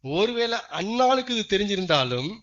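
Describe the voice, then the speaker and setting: A high-pitched man delivers a sermon, swinging between low, quick asides and loud, drawn-out emphatic phrases. He keeps putting questions to his listeners. The recording sounds dull and lo-fi. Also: very animated. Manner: questions the congregation often. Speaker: preacher.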